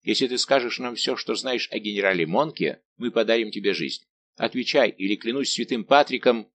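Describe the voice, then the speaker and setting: A man voicing a threatening army officer who speaks loudly. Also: on the low side, brisk, lightly acted. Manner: loud, threatening.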